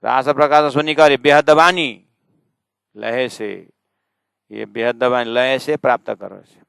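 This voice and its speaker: A man's voice: mid-range voice, steady tone, gravelly, a bit bright, clean tone, dry recording. A man teaching a scripture class, explaining verses one by one and arguing with imagined students. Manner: slow, drawn-out reading of verses. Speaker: spiritual teacher.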